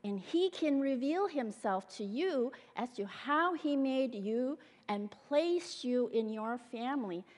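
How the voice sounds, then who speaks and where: A woman's voice: sits high, expressive, slow pace, few pauses, a little mellow. Woman preaching in a reverberant church hall. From Malaysia and Singapore. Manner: conversational, earnest, with frequent fillers. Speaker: guest speaker at a church. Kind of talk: sermon with personal testimony.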